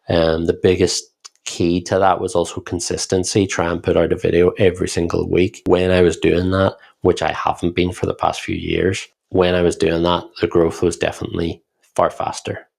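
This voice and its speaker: In an easygoing podcast conversation, the co-host and founder, who has a Northern Irish accent, steadily reflects on and explains what he has been through. The voice is low with a gravelly grain, and the delivery remains flat and level throughout.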